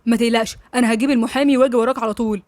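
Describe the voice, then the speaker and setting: A woman's voice: fairly high pitch, steady tone, racing, a little mellow, natural voice. A woman with an Egyptian accent voicing a worried young businessman, urgent and fretful. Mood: reassuring. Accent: Egyptian Arabic.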